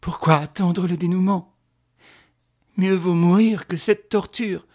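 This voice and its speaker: A man reading aloud, voicing an anguished young woman in a storybook with a slightly husky, raised, tender voice. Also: on the high side, a little slow, darkish tone. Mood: despairing.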